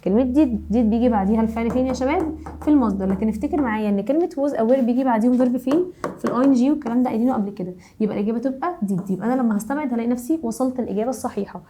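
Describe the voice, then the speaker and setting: Fast-talking Egyptian woman teacher, slightly high and mellow, drilling grammar with rhetorical questions. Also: slight background noise. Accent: Egyptian Arabic. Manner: brisk, keeps asking rhetorical questions. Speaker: English teacher. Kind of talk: grammar lesson for middle schoolers.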